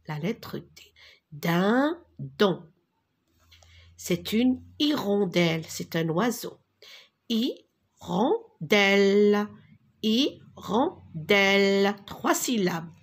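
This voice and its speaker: A woman teacher giving a reading lesson to young children, speaking deliberately and repeating each word for her pupils. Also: on the low side, husky.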